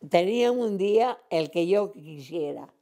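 A woman's voice: lowish voice, lively intonation, measured pace, warm tone. A woman over a hundred, rambling through memories in an oral history interview. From Cantabria, Spain. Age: 100s. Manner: rambling reminiscing, acts out remembered dialogue.

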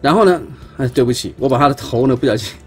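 A man's voice: medium pitch, fast, soft background music. Chatty man demonstrating a toy. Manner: chatty, hesitant, stumbles and repeats words while handling parts. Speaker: toy reviewer. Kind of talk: casual unboxing demonstration. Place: indoors at a tabletop.

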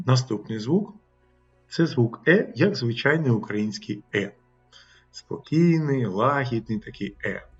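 A man's voice: mid-range voice, slightly rough, dull audio. A middle-aged man teaching English pronunciation, demonstrating and repeating vowel sounds aloud. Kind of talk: pronunciation lesson.

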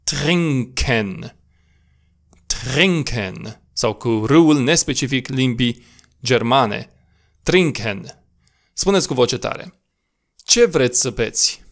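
A man teaching a recorded language lesson, patiently spelling out words and repeating them slowly. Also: medium pitch, animated, creaky.

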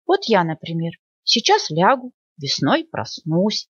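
A woman voicing a gentle, sleepy bear cub in a storybook reading, talking slowly and drowsily. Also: lowish voice, wildly swooping pitch, breathy edge, dry recording, heavily acted. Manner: slow, drowsy, unhurried. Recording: dull lo-fi dry recording.

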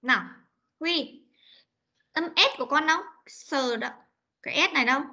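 A woman's voice: sits high, moderate pace, bright, forceful tone. A woman teaching an online class on a video call, coaxing pupils and repeating words for them to echo. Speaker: English teacher. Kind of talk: online class pronunciation drill. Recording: dull lo-fi meeting recording.

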